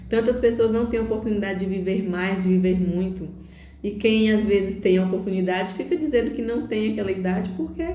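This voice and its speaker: A middle-aged woman hosting a reflective monologue, unhurried, with soft laughs and frequent tag questions. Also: mid-range voice, slight background noise. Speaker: host. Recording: echoey room.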